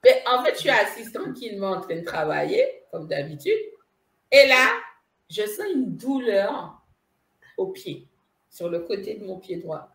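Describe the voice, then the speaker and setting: A woman's voice: medium pitch, vocal fry, echoey room. A woman casually telling a personal story as a guest, repeating herself and laughing as she goes. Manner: animated, repeats phrases, laughs while telling. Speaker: spiritual medium guest.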